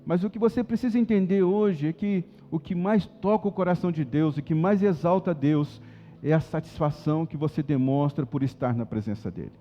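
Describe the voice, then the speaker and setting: Brazilian male pastor, high-pitched, animated sermon delivery, long church reverb. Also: a little fast, highs cut off, faint music behind. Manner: animated, swings from soft to loud and emphatic. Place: church auditorium.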